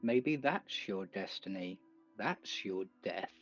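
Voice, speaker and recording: A man's voice: deep voice, lively intonation, slow, faint music behind, heavily acted. Blunt male adventurer, voiced by a man, prodding questions, muffled lo-fi mic. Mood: probing. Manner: probing, leading questions. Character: blunt male adventurer pressing a doomed paladin.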